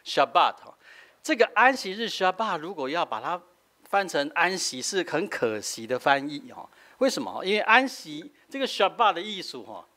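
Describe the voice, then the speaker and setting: Lively-pitched Taiwanese pastor preaching. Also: male voice, normal speed. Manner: explanatory, frequent filler "hah" tags, switching between Taiwanese and Mandarin. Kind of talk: sermon teaching.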